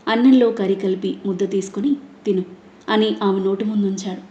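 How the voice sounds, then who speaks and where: A stern middle-aged husband who scolds and gives orders, read by a woman narrator. The voice sits dark and mellow in a roomy, echoing space. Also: mid-range voice, fairly even intonation, brisk, lo-fi sound, close to an everyday voice. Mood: angry. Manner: commanding, scolding.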